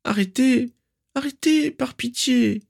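Male reader doing a distraught young daughter; pitched far up, urgent and pleading. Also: slow pace, vocal fry, heavily acted. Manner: crying out, pleading. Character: desperate young woman, a daughter in anguish.

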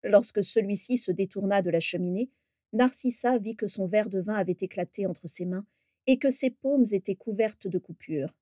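A woman narrates a fantasy story in a calm, measured reading. Her voice is warm and mellow, and the recording is dry and close. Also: medium pitch, dry recording. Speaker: reader of a fan story.

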